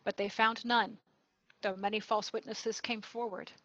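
A woman narrating a gospel reading in a church service, clear and measured. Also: medium pitch, flat delivery, pushed and bright, no room sound, lo-fi sound. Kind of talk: liturgical scripture reading.

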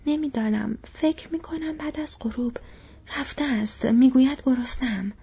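A guarded, devoted hobbit servant acted out by a woman in a whispered role-play, his raspy, gravelly whisper slightly high. The recording is dull and lo-fi. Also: mellow, exaggerated voice. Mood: worried. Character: loyal wary male hobbit servant.

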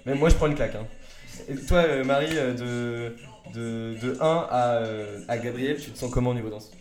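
A man's voice: medium pitch, moderate pace, a little mellow, soft background music. Male co-host, casual banter, jokey; echoey room. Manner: joking, chatty, laughs often. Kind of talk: casual chat. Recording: roomy echo.

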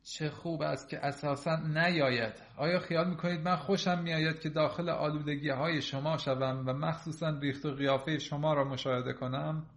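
A man voicing an irritable, proud gentleman who speaks scornfully and cuttingly, recorded in an echoey room. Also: a little high, steady tone, few pauses, close to an everyday voice. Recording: roomy echo.

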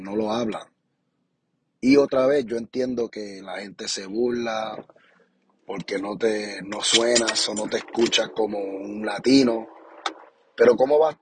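A young man talks in a deeply husky, grainy voice at an ordinary middle pitch. He hosts his podcast as a casual monologue, speaking with passion and encouragement, repeating his points and checking in with his listeners. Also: darkish tone. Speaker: podcast host.

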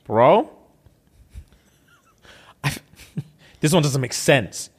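Animated young man, London roadman accent. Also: fairly high pitch, extremely slow, breathy edge. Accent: London, urban roadman slang. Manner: animated London roadman talk, slangy and jokey. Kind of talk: casual banter, reading out online comments.

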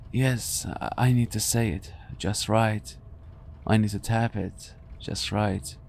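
A man's voice: on the low side, steady tone, slow pace, creaky, slight background noise. A man doing a nervous, stammering young man. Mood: anxious. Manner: hesitant, stammering, soft.

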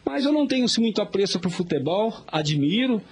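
Brazilian guest, middle-aged man, folksy and chatty, rapid delivery. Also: sits high, very animated. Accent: Brazilian Portuguese. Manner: chatty and folksy, preachy asides, frequent filler tags. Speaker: interview guest, vice mayor and pharmacist. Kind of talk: casual interview talk.

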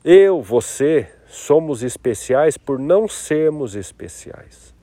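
A man guiding a meditation in an unhurried, drawn-out way. His voice is warm and mellow. He speaks softly and reflectively, with long pauses between phrases. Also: fairly high pitch, big pitch swings, no room sound. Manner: slow, soft-spoken, reflective. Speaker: meditation guide. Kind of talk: guided meditation.

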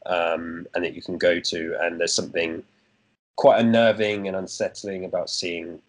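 Male podcast co-host, low voice, halting and casual delivery. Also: little pitch movement. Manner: hesitant, many fillers and restarts. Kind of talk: casual chat.

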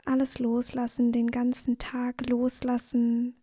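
A woman narrating a guided bedtime sleep meditation in a soothing, gentle, breathy voice that often nears a whisper. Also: fairly high pitch, completely flat delivery, unhurried, dry recording, clean studio sound. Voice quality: breathy, soft.

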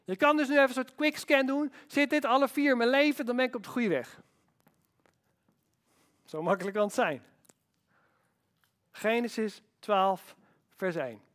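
A man preaching a sermon as pastor, emphatic and animated, with rhetorical questions. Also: extremely high pitch, moderate pace, pauses often.

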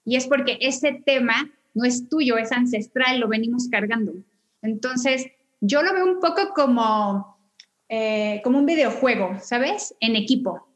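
A woman's voice: on the high side, unhurried. A woman, a guest who explains family constellations with homely analogies. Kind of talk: casual explanatory chat.

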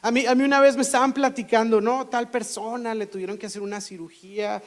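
A man with a Mexican accent, a pastor giving a sermon in a relaxed, conversational way and acting out the voices of people he quotes. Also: very high-pitched, quick pace.

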